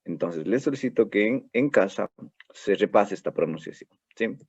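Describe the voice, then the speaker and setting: A male English teacher with an Ecuadorian Spanish accent giving a recorded lesson, slowly drilling pronunciation and repeating forms for students. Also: fairly low pitch, expressive, creaky, a little mellow, slightly rough, no room sound. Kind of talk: recorded online class lecture. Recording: dull dry lo-fi recording.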